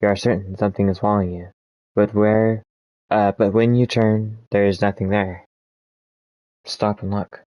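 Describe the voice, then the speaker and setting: A man playing a text adventure game, reading its passages aloud slowly and commenting between them, with small slips and restarts, and troubled by hiccups. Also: fairly low pitch, level tone, no echo, muffled recording. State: has the hiccups. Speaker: let's play narrator.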